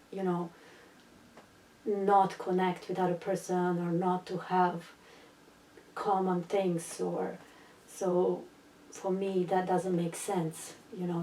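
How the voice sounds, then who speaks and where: A middle-aged woman from Bosnia, speaking as a second-language English speaker, telling her personal story in an interview with many pauses, fillers and restarts. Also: lowish voice, mellow, a little hiss or hum. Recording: roomy, distant mic, faint ambience.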